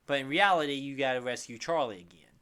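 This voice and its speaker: A man's voice: mid-range voice, fast talker, bright, forceful tone, clean tone. A man co-hosting a podcast, chatting casually and animatedly retelling game scenes with laughter. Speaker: podcast co-host.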